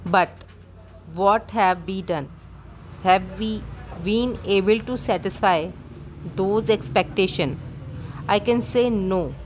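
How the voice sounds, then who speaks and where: A woman reading out a speech as dictation practice, in short, measured phrases with clear gaps between them. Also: medium pitch, a little hiss or hum, low-quality recording.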